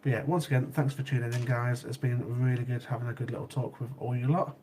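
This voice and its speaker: Chatting casually with his live chat viewers, a livestream host speaks at a quick pace in a warm, mid-range voice with a level tone. A cold has him sniffly, yet he laughs easily, and he tends to repeat himself. Slight background noise is audible.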